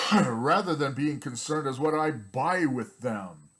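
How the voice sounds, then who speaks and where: A man's voice: medium pitch, expressive, slow, a bit bright. Angry ranting man with a strained throat. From United States. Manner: angry, blunt, repetitive ranting. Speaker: vlogger. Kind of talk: ranting vlog monologue.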